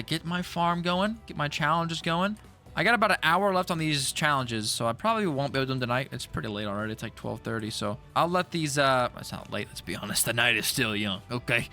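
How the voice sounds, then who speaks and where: A man's voice: on the high side, pushed and bright. Jittery young man rambling over gameplay. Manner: rambling, stuttery, self-talk with repeated words. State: jittery from an energy drink. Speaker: gaming YouTuber. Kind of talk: casual gameplay commentary.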